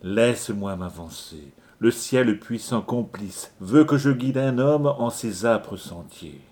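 A man voicing a wise old male poet who guides and reassures his companion in a calm, measured way. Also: mid-range voice. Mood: reassuring.

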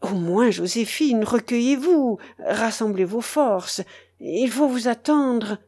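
A stern old bishop from a storybook novel, as a woman reader voices him, grave and admonishing. He speaks slowly and in measured phrases, with lively rises and falls. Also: a little high, slightly rough, full character voice. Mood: solemn.

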